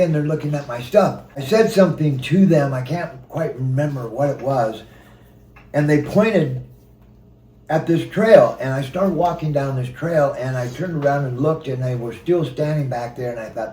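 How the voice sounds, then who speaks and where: A man with a slightly high voice tells a personal story, halting now and then and acting out what others said. He sits back from the mic, and his voice carries an echo from the room around him. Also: dark tone. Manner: halting, recounts events with quoted dialogue. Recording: roomy sound from a distant mic.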